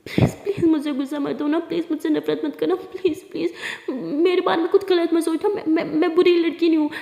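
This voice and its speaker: Female narrator putting on a jittery, stammering young woman; high and mellow, roomy reverb. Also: fairly even intonation, normal speed, close to an everyday voice. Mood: flustered pleading. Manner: stammering, panicky, pleading.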